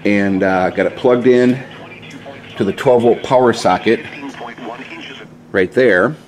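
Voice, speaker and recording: A man with a lowish voice speaks slowly in poor audio. He hosts a casual DIY how-to vlog, explaining things step by step in an informal, mildly salty way, filming with a handheld camera he holds himself at a pickup truck inside his home garage.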